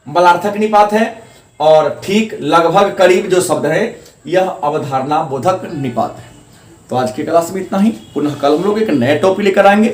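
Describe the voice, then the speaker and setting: High-voiced man teaching in an echoey room. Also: distant mic. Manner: repeats definitions slowly, stretching out example sentences. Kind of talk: classroom grammar lesson.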